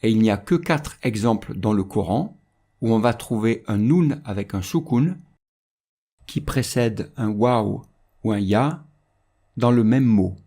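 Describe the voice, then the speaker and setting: A man teaching Quran recitation rules in a calm, measured instructional voice-over. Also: on the low side.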